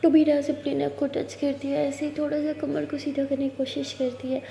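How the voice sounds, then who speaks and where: A woman's voice: sits high, level tone, a little fast, creaky, dark tone. A woman telling a casual love story in a chatty way, voicing both characters herself. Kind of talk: casual Hindi audio story narration. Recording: echoey room with long reverb.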